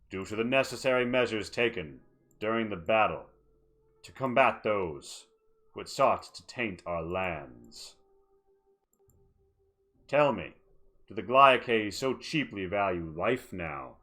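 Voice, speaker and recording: Man playing a pompous, slow-spoken old woodland elder. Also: on the low side, a bit bright. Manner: formal, pompous, accusatory. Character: haughty, suspicious old bearded male guardian of the woods. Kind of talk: tabletop role-play in character.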